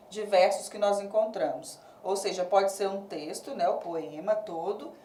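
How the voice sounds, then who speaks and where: A woman's voice: mid-range voice, mellow. Patient Brazilian woman teaching, echoey room. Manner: patient, explains step by step, checks in with "né?" and "tá?"; counts syllables slowly and reads verses aloud. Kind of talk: recorded remote class lesson. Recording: echoey room, distant mic.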